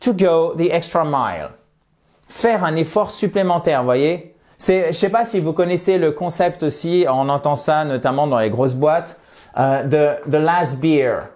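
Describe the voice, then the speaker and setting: A man whose first language is French teaching English expressions, friendly and explanatory, slowing down to model English pronunciation. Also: a little high, darkish tone.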